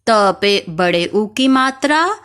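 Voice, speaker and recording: A woman teaching young children spelling, slowly spelling out each word letter by letter and asking them questions. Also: medium pitch, expressive, fairly bright tone, smooth. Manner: slow, spells words letter by letter, asks questions.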